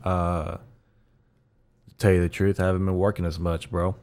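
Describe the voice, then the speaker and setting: A man with a raspy morning voice hosting a casual solo podcast, rambling haltingly with profane, slangy bro-talk. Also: low voice, level tone, a little mellow. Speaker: podcast host.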